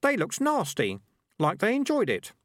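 A man voicing a plain-spoken, earnest boy with rough grammar, raising his voice well above his own. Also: high voice, huge pitch swings, moderate pace, fairly bright tone, no room sound, clean studio sound, pitched above the performer's own voice, heavily acted.

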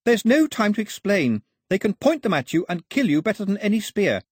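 In a storybook adventure, a male narrator voices a young woman, pitching his voice high with a soft, husky edge. She pleads and bargains defiantly, urgent and articulate, her intonation sweeping in an exaggerated, very animated, fairly quick delivery that carries an urgent warning. The sound is clean studio audio with no echo.

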